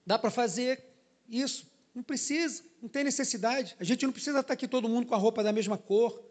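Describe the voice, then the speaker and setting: A man's voice: very high voice, fast talker. A man, a pastor giving a sermon in a church in a loose, conversational way, often tagging his sentences with "né?". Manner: conversational preaching, frequent "né?" tag questions. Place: church hall.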